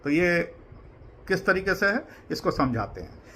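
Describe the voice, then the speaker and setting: Slow husky man explaining at length. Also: sits high, very animated, sharp tone. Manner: unhurried, often mixes English terms into his explanations. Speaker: presenter explaining a religious tradition. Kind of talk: informal explanatory talk.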